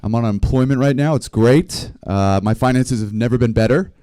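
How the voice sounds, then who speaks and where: A man performing a stand-up set, spinning rambling anecdotes with a deadpan delivery. His tone is dark and mellow. The recording is dry and close. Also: medium pitch, a little fast, clean tone, no room sound. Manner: deadpan, rambling storytelling with small laughs. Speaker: stand-up comedian. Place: live comedy stream venue.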